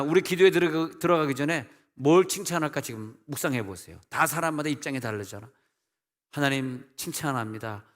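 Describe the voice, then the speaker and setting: A man's voice: a little high, fairly bright tone, in a large hall. A man in his sixties, senior pastor, giving a folksy, humorous sermon. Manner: folksy, humorous preaching with imitated dialects.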